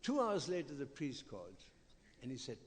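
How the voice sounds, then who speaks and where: A man's voice: mid-range voice, wildly swooping pitch, moderate pace, big-room sound, slight background noise. A male preacher telling a dramatic story in a sermon, acting out the voices of the people in it. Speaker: visiting preacher. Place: temple hall.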